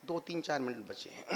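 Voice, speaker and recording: A man, a monk, gives a lively sermon, repeating phrases, swinging between loud and soft, and acting out everyday scenes for humour. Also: fairly high pitch, vocal fry. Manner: humorous, acts out everyday scenes. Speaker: Jain monk giving a discourse.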